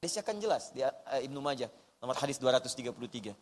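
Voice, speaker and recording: A male preacher giving a sermon, lively, dropping to hushed storytelling and rising to loud urging. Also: mid-range voice, very fast, a little hiss or hum. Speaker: ustaz, preacher. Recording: long hall reverb.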